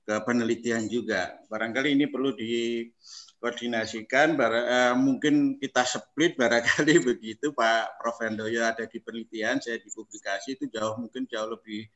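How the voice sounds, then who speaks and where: A man's voice: medium pitch, fairly even intonation, normal speed, fairly bright tone, lo-fi sound. Easygoing male professor from Surabaya, jokey casual meeting talk. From Indonesia (Surabaya). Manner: jokey, laughs between points. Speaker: visiting professor.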